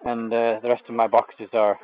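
This beekeeper host talks at a moderate pace in a mid-range voice, relaxed but full of fillers as he checks a hive on a live stream from an outdoor bee yard. The camera mic catches him off frame with phone-quality sound and no echo.

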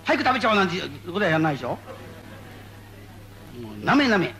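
A man giving spoken Buddhist guidance to a gathering, playful and animated, repeating phrases for emphasis. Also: high voice, rapid-fire, soft background music. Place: meeting before a live audience.

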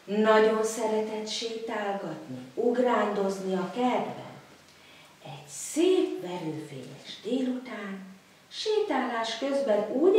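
A woman telling a story to children in a gentle, expressive way. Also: medium pitch. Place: community cultural hall. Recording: echoey hall from far off.

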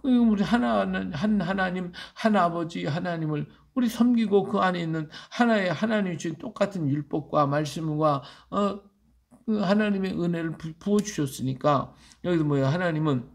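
Gravelly-voiced man preaching emphatically. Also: on the high side, normal speed. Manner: emphatic, asks the congregation "예?" for agreement. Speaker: pastor. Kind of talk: Bible reading with sermon commentary.

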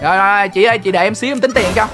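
A young woman, hosting a gaming channel with excited, exclamatory running commentary on the game. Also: medium pitch, racing. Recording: faint game music behind.

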